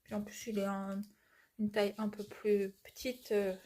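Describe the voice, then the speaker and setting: A woman with a stuffy nose from a cold, chatting casually through a craft unboxing and often dropping to a soft murmur. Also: medium pitch, monotone, normal speed. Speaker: cross-stitch vlogger.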